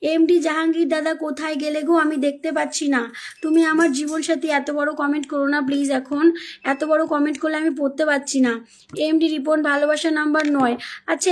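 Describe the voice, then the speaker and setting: High-voiced woman hosting a live stream. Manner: pleading, coaxing viewers, repeats names and phrases. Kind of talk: casual live-stream chat reading comments.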